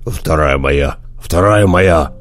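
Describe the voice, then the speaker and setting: A man voicing a greedy male wolf in a storybook reading, with a hoarse, growling, bossy manner. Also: rumbling low, takes it slowly, faint music behind, pitched below the performer's own voice. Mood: muttering. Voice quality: hoarse, rasping.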